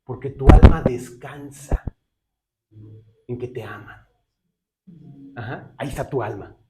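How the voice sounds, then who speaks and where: A man's voice: medium pitch, measured pace, background noise. A man with a Mexican Spanish accent, preaching a sermon in a conversational way and often checking in with his listeners. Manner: conversational preaching with frequent tag questions. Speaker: pastor.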